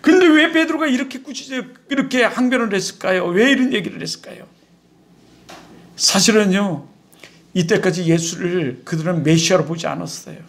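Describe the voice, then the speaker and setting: High, lively-voiced male pastor. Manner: animated, conversational preaching with rhetorical questions. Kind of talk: sermon.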